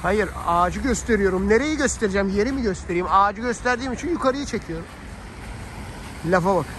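Filming on a handheld phone on a snowy city street, this man from Turkey, a family vlogger, talks to viewers as if they're friends in a chatty, colloquial way. His voice sits high and a bit bright, with lively intonation and a quick pace; faint street noise comes through the outdoor audio.

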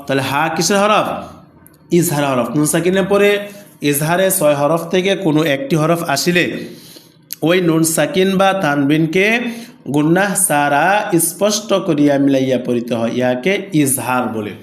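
A man with a Bangladeshi Bengali accent teaches Quran reading, spelling each letter slowly and answering the questions he poses himself. His voice sits fairly high, and the room around him is echoey. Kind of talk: step-by-step recitation lesson.

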